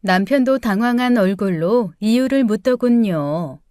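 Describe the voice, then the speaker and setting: A woman's voice: mid-range voice, lively intonation, measured pace, mellow, no room sound, studio quality. Woman narrating a dramatic story. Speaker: audiobook narrator. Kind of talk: first-person story narration.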